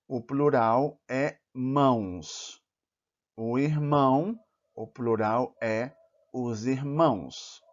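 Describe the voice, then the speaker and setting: A man teaching plural rules in a careful lesson, saying each example word slowly and clearly. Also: medium pitch. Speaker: Portuguese teacher. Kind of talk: slow, deliberate grammar lesson. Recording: dull, slightly lo-fi recording.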